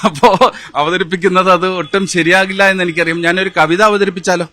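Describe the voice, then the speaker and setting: A man in his fifties, a former mimicry champion, answering interview questions in a measured, hesitant way with many fillers. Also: sits high, steady tone, sharp tone. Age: 50s. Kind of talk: interview answers with poem recitation.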